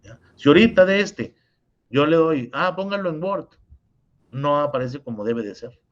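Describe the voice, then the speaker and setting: A man's voice: a little high, expressive, normal speed, highs cut off. A man with a Mexican accent teaching a review lesson over a video call, explaining step by step and often checking in with his listener. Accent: Mexican Spanish.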